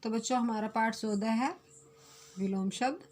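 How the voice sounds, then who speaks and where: A woman's voice: a little high, moderate pace, darkish tone. A woman, a Hindi teacher, giving an online grammar lesson to young pupils and repeating each definition.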